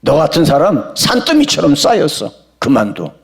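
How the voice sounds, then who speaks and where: A man voicing a sneering male devil who mockingly taunts a believer in a low voice. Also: huge pitch swings, normal speed, gravelly, heavily acted. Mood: taunting. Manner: scornful, mocking.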